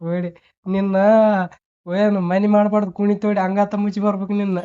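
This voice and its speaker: A man with a North Karnataka accent needles and scolds during casual phone banter, asking his questions again and again. His high-pitched, warm voice has a flat delivery and moves a little fast. The phone recording is noisy and band-limited.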